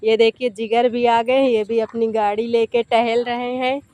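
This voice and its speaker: A woman's voice: a little high, little pitch movement, normal speed, dark tone. Chatty woman vlogging about home life. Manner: chatty, addresses viewers as friends. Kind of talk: casual home vlog narration. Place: outdoors then home kitchen.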